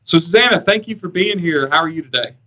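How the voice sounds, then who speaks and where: A podcast host with an Alabama accent chats casually in an interview, upbeat and rambling. His voice is on the high side, animated and sharp, and he talks quickly.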